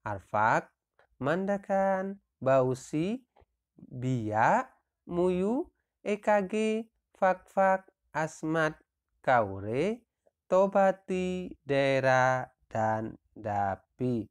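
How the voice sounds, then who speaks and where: Teacher, school lesson narration, unhurried, clear smooth voice, reads names one by one. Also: mid-range voice, very animated. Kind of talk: educational narration for primary school.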